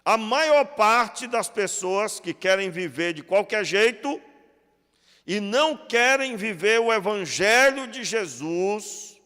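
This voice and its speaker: A man's voice: high-pitched, a bit bright, clean tone. A Brazilian pastor with a Rio de Janeiro accent preaching a conversational sermon, acting out quoted dialogue and putting questions to his congregation. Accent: Brazilian Portuguese, Rio de Janeiro. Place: church hall. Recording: long reverb of a church hall.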